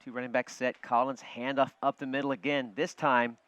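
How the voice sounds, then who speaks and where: A man calling live football play-by-play from a broadcast booth, quick and chatty, joking with his partner. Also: medium pitch, level tone, a bit bright, smooth, no room sound. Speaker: play-by-play announcer. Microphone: broadcast booth headset. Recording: dull, muffled broadcast audio.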